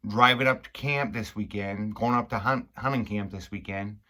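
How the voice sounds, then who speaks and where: A man from Maine with a Maine accent, casually explaining local slang in a halting, rambling way, repeating and restarting phrases. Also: fairly low pitch, steady tone, bright, forceful tone. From Maine, United States. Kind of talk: casual unscripted explainer chat.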